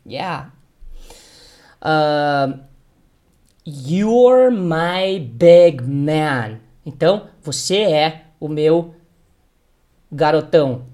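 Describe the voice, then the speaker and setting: Slow, patient male English teacher. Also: a little high, a little mellow. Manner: patient, drills words slowly and has the listener repeat. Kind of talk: pronunciation lesson.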